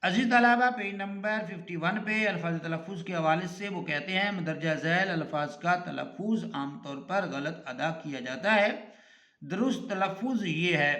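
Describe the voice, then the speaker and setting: A male Urdu teacher giving a recorded grammar lesson, slow and deliberate, repeating each word to drill its pronunciation. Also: sits high, fairly bright tone. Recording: echoey room.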